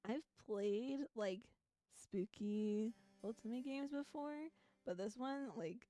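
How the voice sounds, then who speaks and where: Playing through a visual novel on stream, a woman takes her time, her fairly high voice mellow as she shifts from reading aloud to easygoing commentary. She's chatty and prone to giggling, and music plays in the background.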